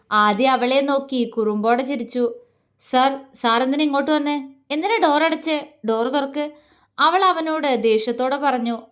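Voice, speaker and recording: High-voiced woman narrating a story.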